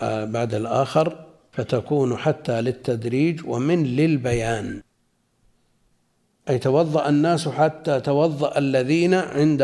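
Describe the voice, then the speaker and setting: Male religious teacher, warm low-key voice, measured reading with everyday explanations. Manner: slow, deliberate reading with spoken asides. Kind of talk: reading and explaining a classical text.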